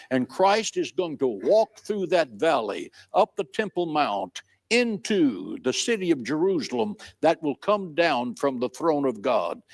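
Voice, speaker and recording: A man preaches with a sweeping, declamatory pulpit cadence. His voice is slightly high and very animated, rising and falling through each phrase. The sound is dry and close. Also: dry recording. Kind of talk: sermon.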